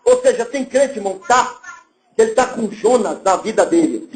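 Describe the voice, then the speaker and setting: Male Brazilian pastor, high lively voice, roomy church sound. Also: moderate pace, slight background noise. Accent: Brazilian Portuguese. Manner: lively preaching, acts out little scenes and voices. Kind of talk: sermon.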